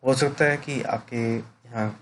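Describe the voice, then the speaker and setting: A man teaching a class in a patient, explanatory lecture, pausing often to ask his students "right?". His voice sits at an ordinary middle pitch. A faint hum of ambience hangs behind him. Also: fairly even intonation. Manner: explanatory, peppers sentences with "right?" tag questions.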